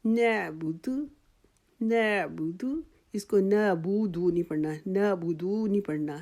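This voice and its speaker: A woman with a Pakistani Urdu accent teaches recitation in a calm, methodical way and draws out each sound slowly. Her voice sits fairly low and sounds dark and mellow. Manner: patient, drawn-out demonstration of sounds. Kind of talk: tajweed lesson with slow recitation examples.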